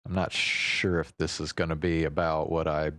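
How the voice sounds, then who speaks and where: A livestream host with a deep, smooth voice and little pitch movement talks slowly in casual, unscripted chat, thinking out loud with hesitations and the occasional swear word. The sound is close and dry, with no room sound.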